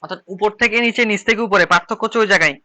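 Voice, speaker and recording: A man's voice: high voice, racing, bright, forceful tone. A man from Bangladesh with a Chittagong Bengali accent, teaching an online shorthand class and repeating each step patiently. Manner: repetitive, drilling, step-by-step explaining.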